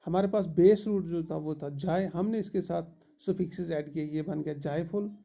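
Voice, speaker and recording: A man with a Kashmiri accent, teaching an English grammar lesson, explaining each word slowly and step by step. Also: a little high, vocal fry, dark tone. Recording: dull lo-fi recording.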